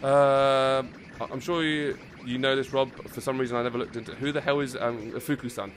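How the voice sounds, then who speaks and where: A man streaming a video game, chatting casually and excitably, rambling and swearing as he plays. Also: medium pitch, fairly quick, slight background noise. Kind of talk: casual livestream commentary while playing. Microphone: close desk mic. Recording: game music playing behind.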